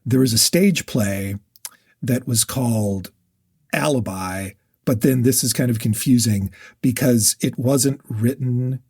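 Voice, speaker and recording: The clip is a dry, studio-quality recording of a man co-hosting a podcast, speaking slowly in a medium-pitched, darkish voice with a breathy edge. He casually talks books and researched facts, repeatedly restarting and correcting himself mid-sentence.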